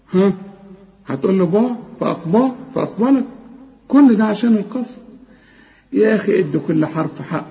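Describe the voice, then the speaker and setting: A man's voice: sits high, dark tone, muffled recording. Egyptian man drilling Quran pronunciation. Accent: Egyptian Arabic. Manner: corrects pronunciation, repeating words slowly and drawn out. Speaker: Quran recitation teacher. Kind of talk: tajweed correction lesson.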